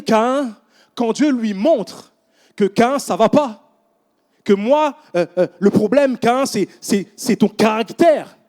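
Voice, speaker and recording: A man in his thirties preaching a sermon in church, telling stories with casual asides to the congregation. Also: very high-pitched. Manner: animated storytelling with casual asides.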